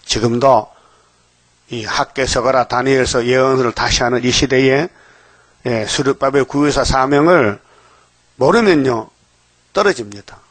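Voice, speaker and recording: A man preaching a dawn sermon, emphatic, often prodding his listeners with quick rhetorical questions. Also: medium pitch, a bit bright, dry recording.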